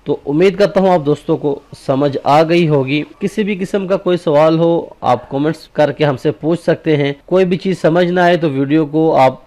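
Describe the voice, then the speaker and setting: A man teaching Quran recitation in a slightly higher voice, explaining each sound patiently. He walks through every step and keeps pausing to ask if the listener follows. He often stretches a phrase into a slow, drawn-out recitation. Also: a little mellow. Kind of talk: tajweed lesson.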